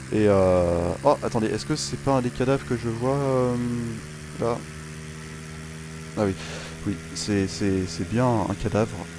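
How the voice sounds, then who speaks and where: A man's voice: fairly low pitch, noisy background. Rambling man commentating his own gameplay. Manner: rambling, joking, many fillers and restarts. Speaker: gaming channel host. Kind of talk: casual game commentary. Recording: game sounds and music behind.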